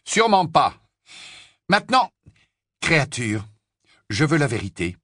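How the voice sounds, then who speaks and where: A man voicing a fierce, commanding teenage boy wizard who fires off sharp demanding questions. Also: on the high side, sing-song, measured pace, no echo, clean studio sound, voice pushed up, exaggerated voice. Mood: urgent.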